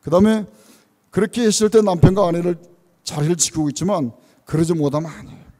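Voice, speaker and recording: A man's voice: high voice, fast talker, dark tone, long reverb tail. A man, a church elder, preaching a sermon, earnest and full of rhetorical questions, now and then acting out a parent's words. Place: church sanctuary.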